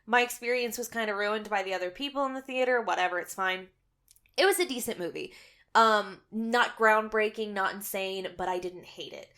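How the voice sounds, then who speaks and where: A young woman talks through a horror movie on a podcast in a loose, rambling way, with lots of 'um' and 'like'. Her pitch sits in the middle, and her tone is relaxed and conversational. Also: normal speed. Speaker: podcast co-host. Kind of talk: casual film review chat.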